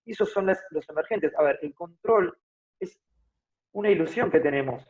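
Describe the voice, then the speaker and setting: In this casual interview, an Argentine fitness motivator in his 30s talks with a Buenos Aires accent, his fairly high voice expressive and darkish at a moderate pace. He explains and thinks aloud, tossing in frequent tag questions, over slightly muffled audio.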